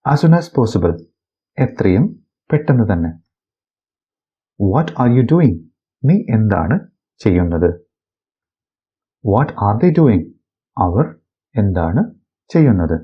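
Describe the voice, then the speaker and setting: A man from Kerala teaches a bilingual phrase lesson. He reads each sentence slowly and deliberately, then translates it. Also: lowish voice, sing-song, husky, muffled recording. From Kerala, India. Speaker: English teacher.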